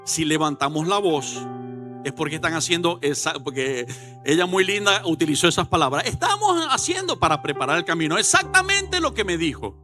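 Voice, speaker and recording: A middle-aged Venezuelan man preaching a sermon as pastor, telling stories with animated, acted-out quotes. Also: on the high side, a little fast, over music. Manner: animated storytelling, acts out shouted quotes. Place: church.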